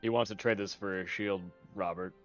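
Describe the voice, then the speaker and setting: A man voicing a glum cat shop employee in a bland, monotone, professional way. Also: deep voice, brisk, highs cut off, soft background music, lightly acted. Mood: deadpan.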